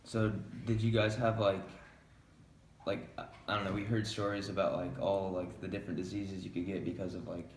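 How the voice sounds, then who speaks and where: A man's voice: low voice, flat delivery, fairly quick. A young American man interviewing someone informally, with casual, tentative phrasing. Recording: echoey room, faint background noise.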